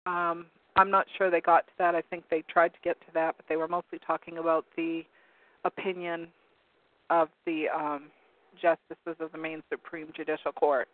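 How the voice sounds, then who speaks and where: A hoarse man with a slightly high voice hosts a call-in talk show, giving casual commentary as he reads from web pages, rambling and groping for words with plenty of ums. He speaks at a normal speed in a flat delivery. The sound is a narrow, phone-like line that's dry and close, without echo or any room around it.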